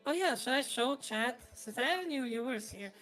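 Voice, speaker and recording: High robotic-tinged woman streamer over music. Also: animated, normal speed, a bit bright. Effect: voice changer, slightly robotic. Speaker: streamer, host. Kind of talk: casual gaming stream chat.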